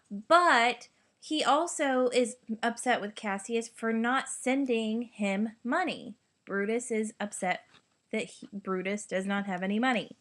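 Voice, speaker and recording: A woman's voice: on the high side, fairly bright tone. Chatty woman teacher explaining a play. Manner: chatty paraphrasing, amused.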